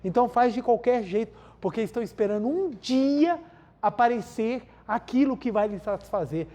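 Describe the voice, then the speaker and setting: Mellow-voiced Brazilian man giving a spiritual talk. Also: extremely high pitch, lively intonation, moderate pace. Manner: keeps addressing the audience as "gente", repeats key phrases for emphasis. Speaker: spiritual lecturer. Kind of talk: spiritual talk with everyday anecdotes.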